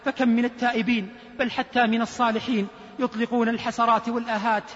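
A man giving a sermon, preaching slowly and emphatically, with rhetorical questions and a story told in the first person. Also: extremely high pitch, little pitch movement, fairly bright tone. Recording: dull lo-fi sermon recording with long reverb.

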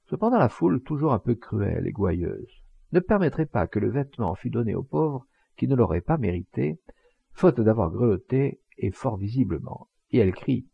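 A man's voice: mid-range voice, moderate pace, vocal fry, husky, no room sound, highs cut off. A man reading a classic novel aloud as an audiobook, narrating expressively. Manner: expressive storytelling. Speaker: audiobook reader. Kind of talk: scripted narration.

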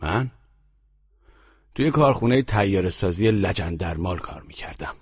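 A man's voice: sits low, animated, breathy edge, dull audio. A man voicing a rude, weary young man who answers curtly and sarcastically in an audiobook story. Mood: gruff. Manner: curt, cursing, sarcastic.

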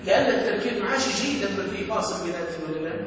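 Brief: male sheikh-teacher, high voice, questioning classroom manner, heard from a distance in a very echoey hall. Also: expressive, racing, fairly bright tone. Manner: questioning, drills students with rhetorical checks. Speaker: sheikh teaching Arabic grammar. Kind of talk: classroom grammar lesson with questions to students. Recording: echoey hall, distant mic, faint noise.

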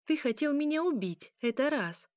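A woman voicing a fiery, exasperated young female vampire princess who shouts and pleads. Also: lively intonation, moderate pace, no echo, clean studio sound. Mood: angry. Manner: shouting, pleading, high-strung.

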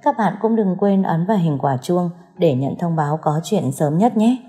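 A woman narrating a serialized audio story, reading in a steady, dramatic storytelling manner. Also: on the low side. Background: soft background music.

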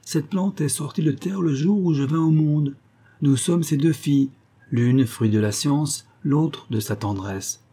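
A man's voice: fairly high pitch, measured pace, mellow, breathy edge, voice pushed up. A man reading aloud voices a frightened, tender young woman who pleads with her lover.

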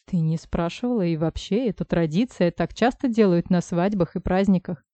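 A woman voicing a cool, controlling young man who speaks low, calm and unhurried, in a dry, slightly dull recording. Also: dry recording, close to an everyday voice.

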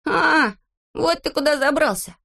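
A woman voicing an excitable, boastful boyish little shorty in a storybook reading, eager and exclaiming. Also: fairly high pitch, fairly quick, gravelly, pitched above the performer's own voice. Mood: excited. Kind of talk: storybook character voice.

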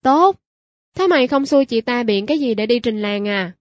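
A woman's voice: a little high, expressive, moderate pace, dry recording, highs cut off, lightly acted. A woman voicing a bullying, greedy old male village clerk in a storybook reading, harsh and threatening. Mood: curt questioning.

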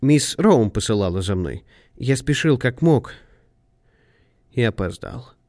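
A man voicing a modest priest who speaks quietly, slowly and sadly. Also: mid-range voice, lively intonation, no echo, clean studio sound. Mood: sorrowful. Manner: quiet, slow, sad.

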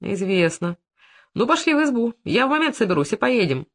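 Brief: narrator as a blunt, sleepy village policeman, short plain lines, lively intonation, audiobook. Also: medium pitch, fairly quick, voice pushed up. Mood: gruff. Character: rural police officer man, gruff and unhurried. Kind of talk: audiobook reading.

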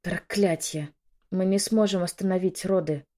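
A woman's voice: on the low side, moderate pace, mellow. A woman voicing an older noblewoman who urgently gives orders and soothes a young woman in labor. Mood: urgent, soothing. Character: older noblewoman, caring and commanding.

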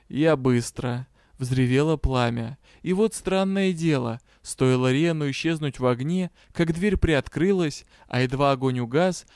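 A man reading fantasy fiction aloud as an audiobook narrator, in an even storytelling manner. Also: fairly high pitch, clear, resonant tone, no echo, studio quality. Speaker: audiobook reader. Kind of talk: scripted narration.

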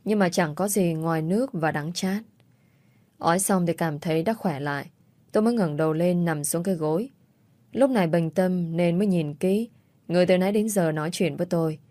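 A woman narrating a first-person story in a steady, measured audiobook style. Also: fairly low pitch, no room sound.

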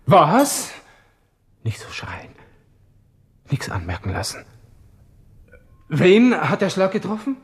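Husky, agitated young Viennese lieutenant, Gustl. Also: male voice, high voice, huge pitch swings, slow, pauses often, full character voice. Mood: alarmed. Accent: Viennese Austrian. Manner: agitated muttering to himself, switching to feigned casualness. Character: hot-headed, self-absorbed young army lieutenant, nervously elated. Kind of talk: radio drama interior monologue.

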